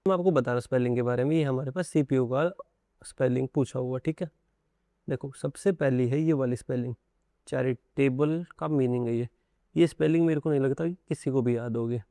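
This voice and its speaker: Gravelly young Indian man teaching. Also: mid-range voice, mellow, no room sound, studio quality. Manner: mixes English terms into Hindi, addresses students directly. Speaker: exam prep teacher. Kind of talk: explanatory video lesson.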